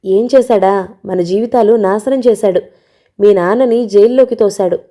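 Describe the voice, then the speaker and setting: A woman's voice: medium pitch, moderate pace, mellow, natural voice. A woman voicing a bitter, grieving middle-aged mother who hurls accusing tirades. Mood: bitter scolding.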